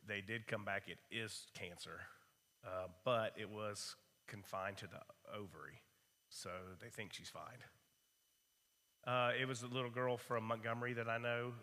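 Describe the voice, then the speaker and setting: A hoarse man with a cough, leading a church Bible study with relaxed, rambling announcements and prayer requests. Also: fairly low pitch, measured pace. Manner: relaxed, rambling, many fillers. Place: church room. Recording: long reverb of a church hall.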